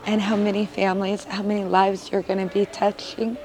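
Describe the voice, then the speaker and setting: A woman's voice: mid-range voice, level tone, fairly quick, over music, low-quality recording. A woman, a mother, giving an earnest, emotional testimonial in an interview. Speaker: parent interviewee.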